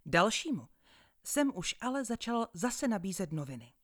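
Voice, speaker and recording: A woman narrating a children's story in the first person, playful and expressive, sometimes dropping to a dramatic hush. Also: mid-range voice, no room sound, studio quality.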